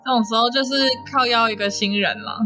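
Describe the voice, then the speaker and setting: A woman's voice: fairly high pitch, fairly even intonation, fast talker, pushed and bright, soft background music. A woman co-hosting a podcast who chimes in with short reactive remarks in casual chat. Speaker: podcast co-host.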